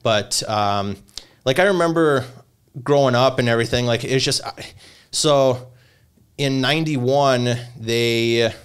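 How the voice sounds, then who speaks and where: Smooth-voiced young man, rambling. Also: medium pitch, unhurried. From Lithuania. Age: 20s. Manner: rambling, hesitant, many fillers. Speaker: podcast guest, pinstriper. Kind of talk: casual interview storytelling.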